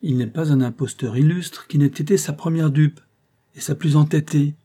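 Man doing sly old clerk, fatherly irony, raised husky voice. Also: fairly high pitch, normal speed, warm tone, voice pushed up. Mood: didactic. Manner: paternal, ironic, emphatic. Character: old genial scheming male bailiff's clerk.

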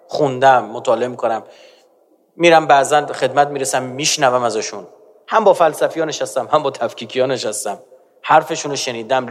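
A man's voice: medium pitch, big-room sound. A man giving an emphatic religious lecture who keeps urging his audience to listen closely. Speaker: preacher.

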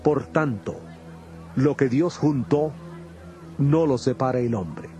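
An actor playing Jesus as a grave, patient teacher in a dramatized audio Bible, speaking in a solemn, measured way. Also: male voice, mid-range voice, dark tone, soft background music, close to an everyday voice. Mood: solemn teaching. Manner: solemn, deliberate, measured delivery.

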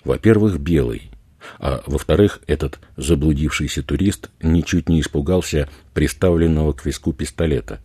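A man narrating an audiobook in a measured, unhurried reading. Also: very deep voice, warm tone, slightly rough, no echo, studio quality. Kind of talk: scripted narration.

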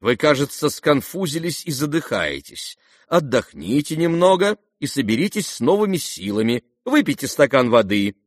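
A man's voice: mid-range voice, very animated, normal speed, no room sound, studio quality, voice pushed up. A man voicing a headstrong, proud young noblewoman in an audiobook who talks with cool sarcasm. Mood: mocking.

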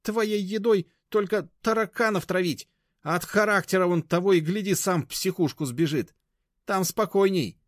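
A man voicing a feisty, sharp-tongued older grandmother who scolds scornfully and bossily. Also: sits high, very animated, a little fast, few pauses, no echo, clean studio sound, pitched above the performer's own voice. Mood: scolding.

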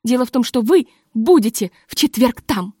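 A woman voicing a nervous, tall masked society lady who talks in a halting, hysterical, pleading way, read as an audiobook. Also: a little high, animated, mellow, husky, no echo, studio quality. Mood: insistent.

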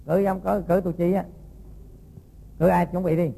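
A man, a Buddhist monk telling a moral story to young students and quizzing them in a lively, folksy way. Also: sits high, moderate pace, creaky, breathy edge, rough recording.

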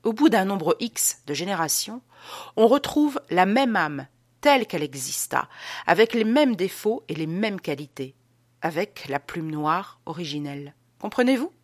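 A woman's voice: on the low side, lively intonation, moderate pace, dry recording, studio quality. A woman reading the part of a pompous man who lectures with emphatic rhetorical questions.

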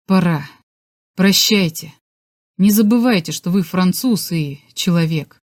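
A woman voicing a secretive male scientist on the run in an audiobook, speaking in a hushed, urgent way. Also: fairly low pitch, unhurried, lightly acted. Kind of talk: audiobook character voice.

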